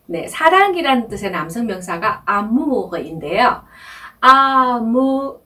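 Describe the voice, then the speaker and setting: A woman teaching French pronunciation in a slow, patient lesson, repeating each word and filling pauses with soft sounds. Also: medium pitch, big pitch swings, distant mic. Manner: patient, repeats words slowly, many soft fillers.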